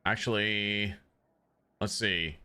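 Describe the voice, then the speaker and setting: A man's voice: on the low side, steady tone, takes it slowly, pushed and bright, smooth. A man chatting loosely to his viewers as a streamer, rambling with many ums, speaking into a desk microphone. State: has the hiccups. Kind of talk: casual livestream chat.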